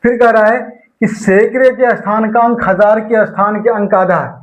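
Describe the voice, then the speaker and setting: A man's voice: high voice, fairly even intonation, muffled recording. A man teaching an online maths lecture for an exam. He explains each step and keeps asking his students rhetorical questions. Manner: repeats numbers slowly while working problems.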